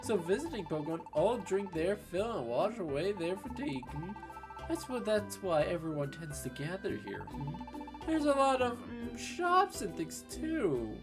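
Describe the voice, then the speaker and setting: A friendly, slow-witted creature from a video game, voiced by a woman reading along. It stretches words and pauses to hum as it explains things. The pitch moves freely, and game music plays behind. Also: big pitch swings. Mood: helpful, explaining. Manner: drawn-out words with frequent humming pauses. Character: friendly, slow-witted Quagsire town guide, hesitant creature. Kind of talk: dubbing game dialogue aloud.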